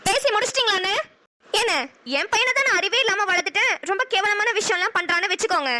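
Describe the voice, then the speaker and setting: A woman doing a sharp, high, scolding cartoon mother. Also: fast talker, heavily acted. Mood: angry. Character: angry stern mother of grown sons. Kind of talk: cartoon voice acting.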